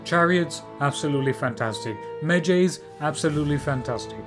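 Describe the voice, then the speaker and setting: A man's voice: on the high side, moderate pace. A man giving opinionated video game commentary, emphatic and repetitive, often posing rhetorical questions. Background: music.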